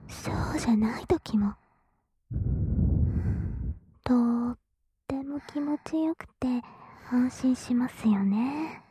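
A woman's voice: high voice, unhurried, warm tone, slightly rough, no room sound, studio quality, heavily acted. A woman playing a sweet, teasing, soothing young attendant in a whispered role-play, speaking right into the listener's ear.

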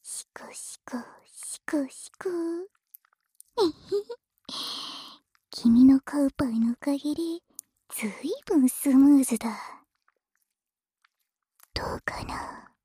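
A woman voicing a teasing young wife who uses magic, speaking in a soft, close whisper in an ASMR roleplay. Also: sits high, animated, takes it slowly, pauses often, no echo.

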